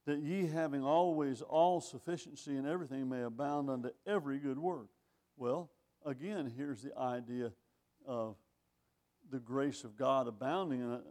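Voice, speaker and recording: A man's voice: medium pitch, darkish tone. A man in his sixties preaching a sermon, reading scripture and asking rhetorical questions in a wry, conversational way. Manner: reads scripture in older phrasing.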